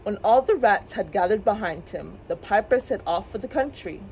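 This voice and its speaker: A woman librarian reading a storybook aloud for children's story time with clear, expressive delivery. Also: medium pitch, normal speed, a little hiss or hum, poor audio. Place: public library.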